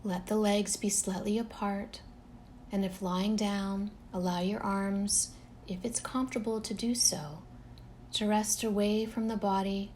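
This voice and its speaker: A woman guides a relaxation meditation, speaking calmly and gently at an unhurried pace with long pauses between phrases. Her voice sits in the mid-range, and there's slight background noise.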